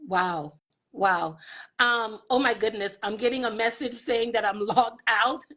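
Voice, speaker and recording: Woman, interview host, breathy voice, higher pitch, affirming, video call. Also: unhurried. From Bahamas. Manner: warm, affirming, encouraging.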